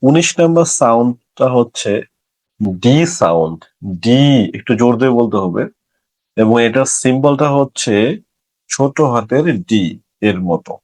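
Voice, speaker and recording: A man with a Bengali accent teaching English pronunciation, saying each example word slowly and repeating it. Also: mid-range voice, expressive, darkish tone. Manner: slow, drawn-out repetition of each word. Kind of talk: pronunciation lesson.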